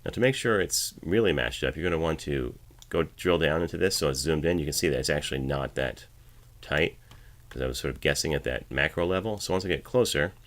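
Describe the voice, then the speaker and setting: A very deep, fairly bright male voice, talking a little fast, narrates an instructional screencast. He's a voiceover artist at his home studio's editing station, casually explaining every step of the tutorial.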